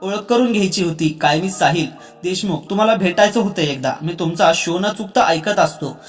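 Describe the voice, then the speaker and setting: A man voicing a smitten cheerful young man, high and light. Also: brisk, faint music behind, close to an everyday voice.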